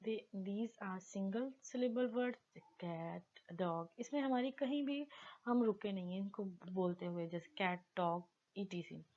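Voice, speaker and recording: A woman teaching basic grammar, explaining in Hindi-Urdu and slowly reading definitions aloud. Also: medium pitch, animated, a little mellow, dull audio. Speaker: English teacher.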